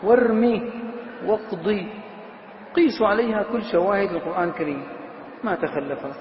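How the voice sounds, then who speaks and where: A man teaching a grammar lesson to a class. He drags out example words slowly, chants lines of verse and puts questions to his students. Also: high-pitched. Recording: echoey hall, slightly dull sound, faint noise.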